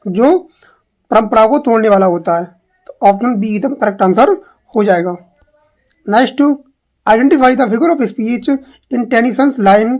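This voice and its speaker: Woman teacher, slow question reading. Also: on the high side, darkish tone. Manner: reads questions out slowly, then explains quickly in Hindi; repeats answers and asks rhetorical questions. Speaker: exam-prep English teacher. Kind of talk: exam practice lesson.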